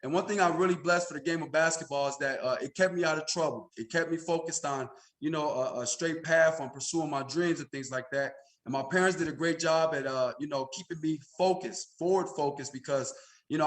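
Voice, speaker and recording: An American man in his thirties from Chicago, a senior executive at an insurance agency, casually tells personal stories as a podcast guest, often tagging lines with "you know" and "right?". His voice sits on the high side, a bit bright and a little fast.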